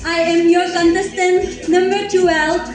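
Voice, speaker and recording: Very high-voiced woman in an echoing hall. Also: flat delivery, measured pace. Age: 20s. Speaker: pageant contestant. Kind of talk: rehearsed stage introduction. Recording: very echoey hall, distant mic, faint music.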